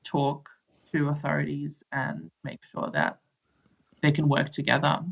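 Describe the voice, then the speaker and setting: A woman's voice: deep voice, little pitch movement, measured pace, creaky. A woman speaking as a guest in a conversational radio interview, with dull, muffled sound. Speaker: interview guest, advocacy organisation representative.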